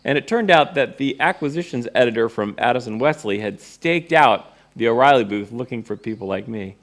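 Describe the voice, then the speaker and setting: A middle-aged man who presents, teaches courses and writes books tells an audience a personal story informally. His medium-pitched voice is expressive and fairly quick, and he speaks wryly, acting out remembered dialogue.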